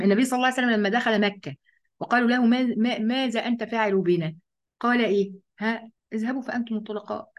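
A woman with an Egyptian accent giving a Quran study lesson, lively, asking and answering her own questions and speaking directly to her female listeners. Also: mid-range voice. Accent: Egyptian Arabic. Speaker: religious teacher.

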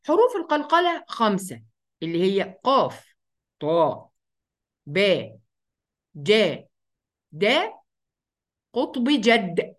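An Egyptian-accented woman teaches Quran recitation in a relaxed, chatty way, posing questions and answering them herself. Her voice sits fairly high and swings widely in pitch. She slows down to recite verses carefully. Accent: Egyptian Arabic. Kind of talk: tajweed lesson.

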